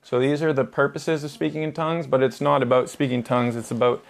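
A man's voice: mid-range voice, level tone, fast talker, creaky. A young man preaching informally, casual and earnest, with filler words and restarts. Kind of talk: informal sermon teaching.

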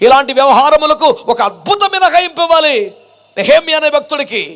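A man's voice: very high voice, quick pace, fairly bright tone. A man preaching a sermon as a pastor, impassioned and rhetorical, firing off repeated questions.

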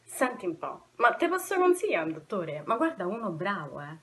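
A woman's voice: mid-range voice, sing-song, normal speed, a little hiss or hum. An actress playing a cheeky, mocking woman in a comic sketch. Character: cheeky Roman woman calling herself Nina. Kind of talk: comic theater dialogue.

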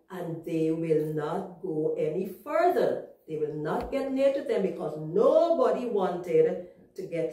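A woman teaching young children a Bible story, explaining things simply and asking them gentle questions. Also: mid-range voice. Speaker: Sabbath school teacher. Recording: echoey room, far from mic.

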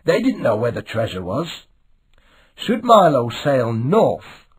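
A man's voice: medium pitch, very animated, takes it slowly, slightly rough, rough recording. A man reading a children's story aloud in a sing-song, exaggerated storytelling manner. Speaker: narrator.

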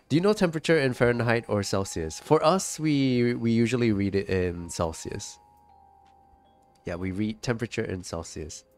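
A man's voice: mid-range voice, darkish tone. A sick man with a stuffy, nasal voice and a cough, chatting casually on a live stream and reading out viewer comments. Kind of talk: casual live-stream chat while gaming.

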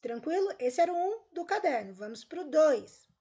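A woman's voice: high-pitched, normal speed, dull audio. A woman teacher with a Brazilian Portuguese accent, going over homework answers with her pupils in an upbeat recorded lesson. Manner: upbeat, lively, talks straight to pupils.

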